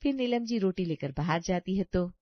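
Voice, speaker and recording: A woman narrating a scripted family story in an even storytelling manner, on a dull, lo-fi recording. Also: lowish voice, moderate pace, no room sound. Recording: dull lo-fi sound.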